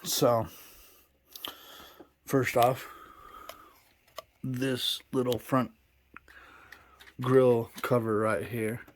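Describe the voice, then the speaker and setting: A man's voice: medium pitch, level tone, drawn-out words, long pauses, slight background noise. Rambling man demoing a toy. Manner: rambling, full of "uh" fillers and self-corrections. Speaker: toy review channel host. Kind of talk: casual how-to demonstration. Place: home recording studio. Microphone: camera mic, partly a GoPro.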